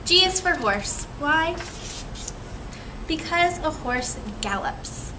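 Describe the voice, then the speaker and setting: With a high, expressive voice and a slow pace, a young adult woman guides children through a picture book, asking them questions as a teacher would. She's in a chair in a small indoor room, and the far-off camera mic records a clearly noisy space.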